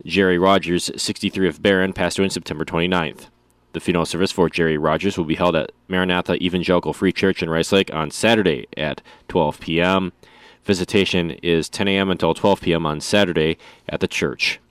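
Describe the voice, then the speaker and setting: A male announcer reading scripted funeral notices in a measured, solemn obituary manner. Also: low-pitched, fairly even intonation, no room sound. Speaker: radio announcer.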